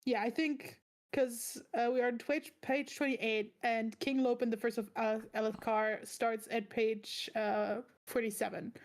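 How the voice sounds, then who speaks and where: A woman's voice: on the high side, level tone, unhurried. A young woman co-hosting a casual podcast, bubbly and giggly with lots of fillers. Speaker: podcast co-host. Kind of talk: casual chat.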